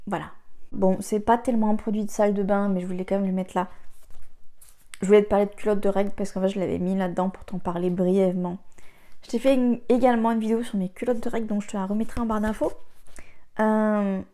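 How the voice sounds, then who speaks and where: A chatty woman from France reviewing products she has used up, talking straight to her viewer. Her voice is mellow and warm, with a middle pitch. She leans hard on the words she cares about and keeps dropping small fillers between thoughts. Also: steady tone. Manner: chatty and emphatic, filling pauses with "voilà". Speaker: beauty vlogger. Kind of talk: casual product review chat.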